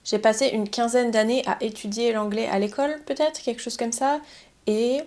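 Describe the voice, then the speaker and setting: A young adult woman from France, a French teacher calmly explaining step by step in a podcast. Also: a little high, moderate pace. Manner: calm, methodical explaining, building points step by step.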